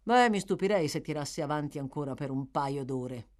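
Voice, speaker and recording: A woman voicing a young male apothecary's apprentice who speaks in a calm, matter-of-fact way. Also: deep voice, moderate pace. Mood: offhand.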